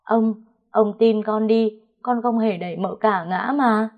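A woman voicing a young female servant who pleads in a high, tearful voice. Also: steady tone, measured pace, phone-quality sound, lightly acted. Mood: pleading.

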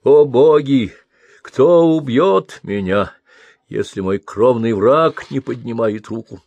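A man's voice: mid-range voice, unhurried, darkish tone, no room sound, highs cut off. A male reader voicing a grey old exiled prince who pleads and cries out to be killed. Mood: desperate pleading. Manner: pleading, crying out to the heavens. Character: old broken exiled prince, begging for death.

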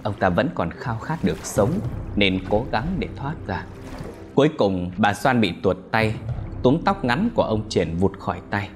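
A man narrating a dark village story in an expressive, dramatic way. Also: fairly low pitch, normal speed, faint music behind.

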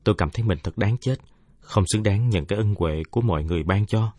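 A man with a low, husky voice reads a first-person story with earnest feeling. The sound is dry and close, with no room around it. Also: fast, a little mellow, no echo. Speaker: narrator.

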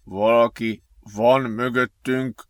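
A man voicing a scared teenage boy who keeps watch and shouts warnings in an audiobook. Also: medium pitch, dry recording, studio quality, close to an everyday voice. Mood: hushed. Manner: urgent, panicky shouting. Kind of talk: audiobook character voice.

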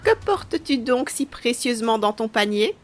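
A woman's voice: fairly high pitch, sing-song, moderate pace. Old knowing beggar woman. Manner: probing, knowing. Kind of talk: storybook reading.

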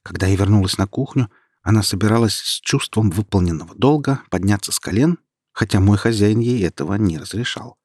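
A man with a low, husky voice reading an audiobook aloud. He narrates at a steady, even storytelling pace. The recording is dry and close, with no room sound. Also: brisk, no room sound.

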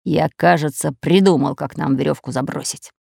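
A woman's voice: low voice, normal speed, creaky, a little mellow, dry recording, clean studio sound, full character voice. A woman voicing a fat red-bearded pirate captain who growls orders. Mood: bossy. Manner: growling, commanding.

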